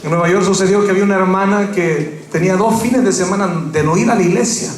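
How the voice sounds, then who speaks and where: A man preaching a sermon as pastor, often shouting with rising intensity and asking the congregation questions. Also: sits high, fast talker, slight background noise. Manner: tells stories with acted quotes and audience questions. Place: church sanctuary. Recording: very echoey church hall. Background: congregation responding.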